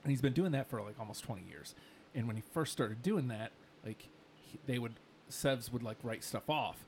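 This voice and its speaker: A man's voice: medium pitch, a little hiss or hum. A young man in his twenties co-hosting a casual podcast, telling a loose story with swearing and asides. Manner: laid-back, swears, quick asides. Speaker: podcast co-host. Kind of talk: casual chat.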